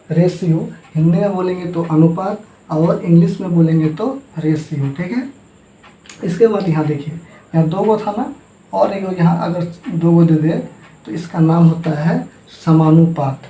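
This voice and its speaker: A man with a warm voice that sits high teaches a math lesson, repeating each term and having the class say it back in call-and-response drills. The room is echoey.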